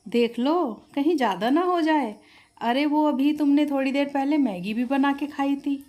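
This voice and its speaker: A woman's voice: high-pitched, normal speed, a little mellow, close to an everyday voice. A woman voicing a patient young sister-in-law who talks in a restrained, mildly complaining way.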